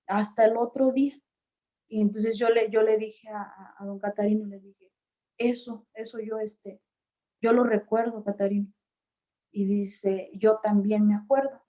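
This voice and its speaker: Mellow-voiced woman recalling a memory. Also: medium pitch. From Mexico. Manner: unhurried, halting, with frequent filler pauses and reported dialogue. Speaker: community speaker. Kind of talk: personal storytelling at a presentation. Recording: slightly dull lo-fi recording.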